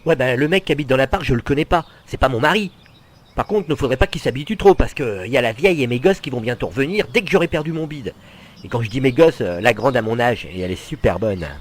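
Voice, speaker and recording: A man's voice: mid-range voice, lively intonation, fast, lightly acted. An actor playing a confused teenager stuck in a grown man's life, baffled and exasperated.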